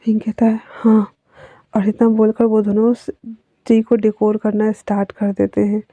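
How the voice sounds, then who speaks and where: A woman's voice: mid-range voice, little pitch movement, normal speed, dark tone, no echo, dull audio. A woman narrating a fan fiction story in a casual storytelling way, reading each character's lines in her own voice with little change.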